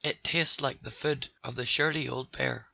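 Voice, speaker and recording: A man's voice: mid-range voice, steady tone, moderate pace, creaky, sharp tone, dry recording, dull audio. A man voicing a bold, cheeky young girl in a storybook reading. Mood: pert.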